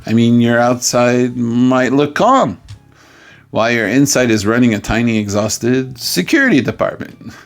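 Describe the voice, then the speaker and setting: A man with a gravelly, creaky voice at a middle pitch delivers a coaching talk. He tells it in a playful, jokey way and bursts out loudly now and then, with faint music behind him. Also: unhurried. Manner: playful, jokey storytelling with sudden loud outbursts. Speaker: life coach.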